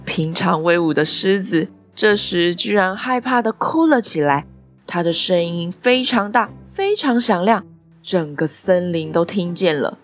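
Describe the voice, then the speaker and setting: A woman narrating a bedtime story for children in a gentle, soft, expressive way. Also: fairly low pitch, measured pace, faint music behind. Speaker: podcast storyteller.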